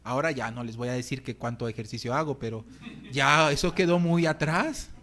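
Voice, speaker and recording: A man's voice: medium pitch, a little fast, pushed and bright. A middle-aged man preaching as pastor in a church, telling funny stories about himself and acting out his own groans. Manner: humorous, acts out his own groans and complaints. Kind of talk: sermon. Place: church hall.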